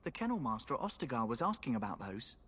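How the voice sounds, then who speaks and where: A man's voice: medium pitch, sing-song, fast, a bit bright, breathy edge. An actor playing a wry young male soldier companion in a video game, speaking with dry, sardonic asides.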